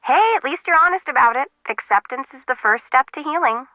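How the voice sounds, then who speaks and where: A woman's voice: sits high, lively intonation, a little fast, sharp tone, no room sound. A woman voicing a quirky young female harbor intern in a game, rambling and joking at her own expense, with a muffled, lo-fi sound. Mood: chatty. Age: young adult. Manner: rambling, joking, self-mocking.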